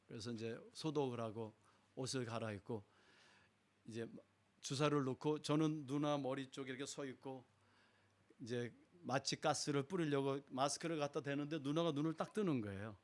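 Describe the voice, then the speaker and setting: A middle-aged man giving a sermon testimony in a church, acting out the voices of the people in his story. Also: medium pitch. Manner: dramatic storyteller, acts out quoted voices. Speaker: guest speaker giving testimony. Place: church sanctuary.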